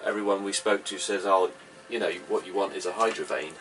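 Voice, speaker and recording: A man's voice: low-pitched, a little fast, fairly bright tone, soft background music. A man in his thirties casually explaining the gear in his sailboat's cabin, practical and plain-spoken. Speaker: boat owner giving a tour. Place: cramped boat cabin, indoors. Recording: slightly distant mic with faint background noise.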